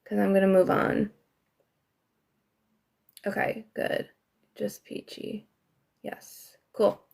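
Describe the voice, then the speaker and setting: A woman coaching listeners through a guided emotional exercise on a live stream, giving slow, instructive directions with soft, breathy asides. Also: mid-range voice, flat delivery. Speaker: healing coach.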